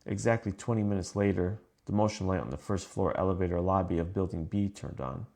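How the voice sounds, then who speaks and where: Deep gravelly man narrating horror. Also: brisk, darkish tone. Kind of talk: scripted first-person horror narration.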